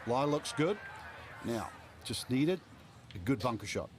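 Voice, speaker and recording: A man's voice: mid-range voice, very animated, unhurried, very noisy. A man working as a golf commentator, giving conversational, explanatory analysis of shots and holes. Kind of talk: golf commentator analysis for a sports video game broadcast.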